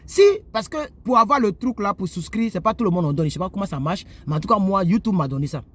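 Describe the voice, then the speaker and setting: His voice sits high and moves at a quick pace as this YouTuber from Côte d'Ivoire, sitting indoors, gives viewers an animated, preachy moralizing talk directly to camera.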